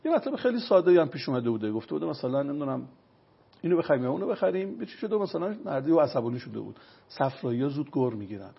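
A man with a fairly high, gravelly, raspy voice and big pitch swings discusses traditional medicine in an interview. He lectures with everyday examples, and the recording is dull and lo-fi.

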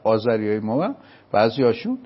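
Isfahani-accented male scholar, patient explainer, husky voice, muffled lo-fi sound. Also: lowish voice, big pitch swings. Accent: Isfahani Persian. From Isfahan, Iran. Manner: patient, explaining step by step with checking questions. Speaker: religious scholar. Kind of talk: explanatory lecture in conversation.

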